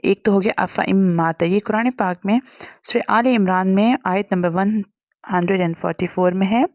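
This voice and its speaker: A woman's voice: mid-range voice, moderate pace, no echo, highs cut off. Woman teacher patiently spelling out Arabic letters. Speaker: Quran reading teacher. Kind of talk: step-by-step spelling lesson.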